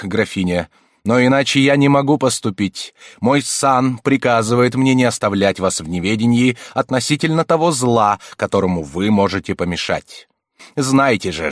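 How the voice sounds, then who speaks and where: A man's voice: medium pitch, dry recording, studio quality, pitched above the performer's own voice, close to an everyday voice. A man voicing an angry, accusing country priest in a dramatized audiobook reading. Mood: grave. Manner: thundering, accusing, preachy. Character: stern fiery male country priest.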